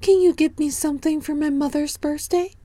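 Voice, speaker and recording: A woman's voice: steady tone, mellow, no room sound, lightly acted. A woman voicing a polite, eager young boy in a children's storybook reading. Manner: high, quick, eager asking.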